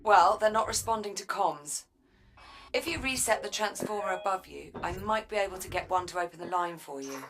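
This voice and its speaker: A woman's voice: medium pitch, brisk, a crowd in the background, lightly acted. A woman playing a capable, wry engineer in a sci-fi game, talking through technical matters conversationally. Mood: wry, helpful.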